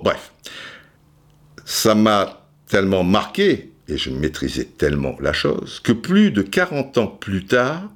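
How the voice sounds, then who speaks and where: A man hosting a podcast, telling a self-mocking story and acting out voices and sounds. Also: lowish voice. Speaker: podcast host. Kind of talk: casual storytelling monologue.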